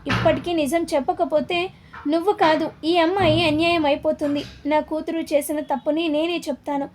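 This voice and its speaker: A woman's voice: sits high, steady tone, moderate pace, darkish tone, natural voice. A woman voicing a middle-aged aunt in a storybook reading, earnest and pleading.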